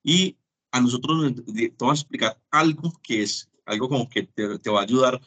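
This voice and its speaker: Speaking briskly in a mid-range, fairly bright voice, this man delivers an online teaching lecture via web conference. He keeps things conversational and performs small sample dialogues to illustrate points.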